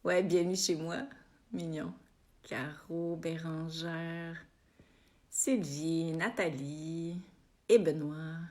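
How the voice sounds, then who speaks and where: A woman's voice: low-pitched, steady tone. A woman with a Québécois accent hosting a casual live stream from home, greeting viewers by name with frequent hesitations. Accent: Québécois French. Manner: unhurried, warm-hearted greetings with frequent euh fillers.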